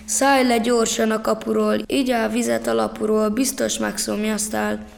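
A woman's voice: fairly high pitch, flat delivery, vocal fry, a little hiss or hum. A woman voicing a fretful old village aunt in a children's story, wailing and fussing. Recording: reverberant room.

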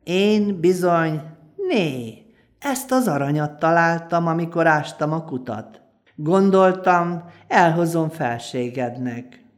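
A woman's voice: low voice, animated. A woman voicing a humble, hopeful poor peasant man in a folk tale she tells aloud, speaking earnestly and plainly.

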